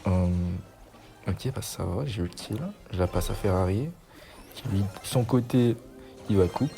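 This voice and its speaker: A man's voice: on the low side, normal speed, creaky, over music. A young man giving casual, chatty gameplay commentary as a gaming YouTuber, self-mocking and slangy.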